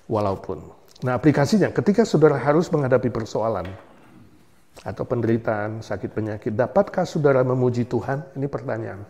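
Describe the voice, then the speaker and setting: A man with an Indonesian accent preaching a sermon as pastor, animated, swinging from soft to loud and mixing in English words. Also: mid-range voice, brisk.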